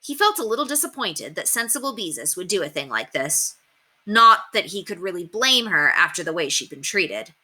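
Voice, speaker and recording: A woman reads a children's novel aloud in an animated way, her tone strikingly bright and her pitch moving freely. This gives the narration an emphatic storytelling shape, and she keeps to a normal speed.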